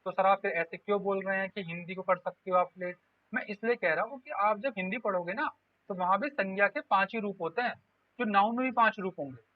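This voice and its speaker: A man's voice: high-pitched, fairly quick, dry recording. A man teaching an exam-prep grammar lesson, explaining step by step and voicing his students' questions. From India. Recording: tinny phone-like audio, dry.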